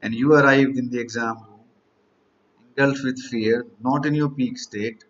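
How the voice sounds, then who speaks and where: A man's voice: mid-range voice, fairly even intonation, a little slow, a bit bright, muffled recording. A man, teaching exam candidates in a motivational lecture, stacking up rhetorical questions and repeated lists.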